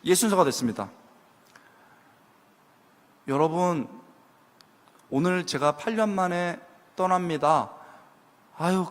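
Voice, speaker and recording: Animated man preaching in a reverberant hall. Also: high-pitched. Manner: animated storytelling, acting out quoted voices. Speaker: professor preaching to a young adults' group. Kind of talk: sermon with storytelling. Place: church hall.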